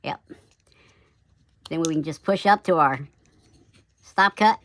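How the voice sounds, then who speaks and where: Here the woodcarving instructor's sped-up chipmunk voice sits on the high side, slow and a bit bright. He talks casually through a step-by-step carving demonstration at double speed, with folksy asides such as "oop" and "yep."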